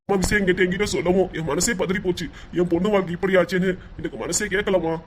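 A woman's voice: on the low side, steady tone, fast, a little hiss or hum, voice pushed down, close to an everyday voice. A woman voicing a worried, loving elderly father who soothes and reassures his daughter in a cartoon. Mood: distressed. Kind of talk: cartoon voice acting.

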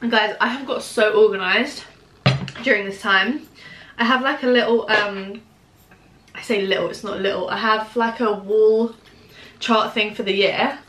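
A British woman in her twenties talks in a bright, crisp-edged voice at a middle pitch. She is chatty and slangy, stressing her points as she vlogs over food. The room adds a clear echo around her voice. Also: fairly even intonation, a little slow. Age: 20s. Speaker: vlogger chatting while eating. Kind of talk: casual chatty mukbang vlog. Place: small room at home, indoors. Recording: echoey room.

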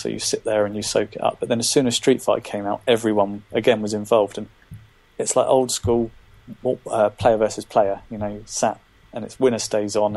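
A man's voice: fairly low pitch, creaky, a little mellow. A man co-hosting a gaming podcast in casual chat, enthusiastic and agreeable. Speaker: podcast co-host.

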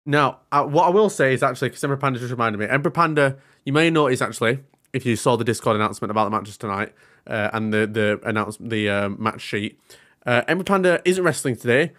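A man co-hosting a casual game stream, calling wrestling matches with excitable play-by-play and dry jokes. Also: medium pitch, fast talker. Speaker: co-host and wrestling commentator.

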